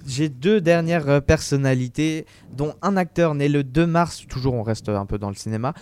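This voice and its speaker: A man's voice: a little high, normal speed, a little mellow, smooth. A man hosting a casual radio quiz show, reading clues in the first person and laughing often.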